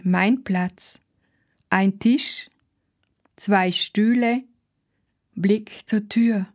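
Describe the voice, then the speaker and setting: A woman reading a first-person literary text as a fussy, proud elderly lady in a care home who repeats herself insistently. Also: medium pitch. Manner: repetitive, insistent, slow.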